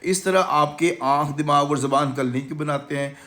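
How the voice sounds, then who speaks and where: His voice is fairly high and fairly bright, and he speaks at a normal speed. A man with a Pakistani Urdu accent, he teaches English and is giving a confident, salesy promotion for his course at a language institute, peppered with English words.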